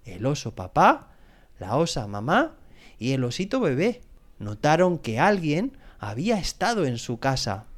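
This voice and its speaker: A man narrating a children's story with an expressive, animated reading as a podcast host. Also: fairly high pitch, unhurried. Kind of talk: scripted bedtime story narration.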